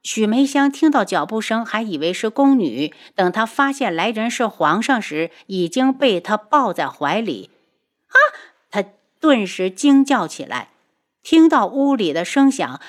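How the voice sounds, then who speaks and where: A woman narrating an audiobook novel in an expressive reading voice. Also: mid-range voice.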